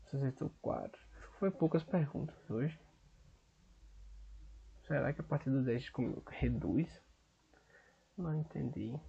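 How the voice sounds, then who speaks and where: A man with a Brazilian accent works through language-app exercises at his computer, thinking aloud. His voice is husky and full of fry, and he talks slowly, half to himself, then repeats practice sentences loudly. The sound is muffled and lo-fi. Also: medium pitch. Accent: Brazilian Portuguese. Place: at a desktop computer.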